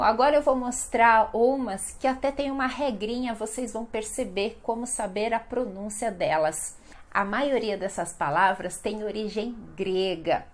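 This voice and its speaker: A woman teaching a language lesson, speaking clearly and slowing down to stress each syllable. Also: mid-range voice. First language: Portuguese. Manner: clear, deliberate, slows to spell out stressed syllables. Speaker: Portuguese teacher.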